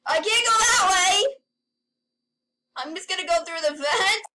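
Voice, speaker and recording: A woman's voice: extremely high pitch, expressive, unhurried, slight background noise, rough recording. A woman playing a horror game and commenting, easily confused and often shrieking in panic. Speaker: gamer. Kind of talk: let's-play gameplay commentary. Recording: game music loud behind voice. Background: game music.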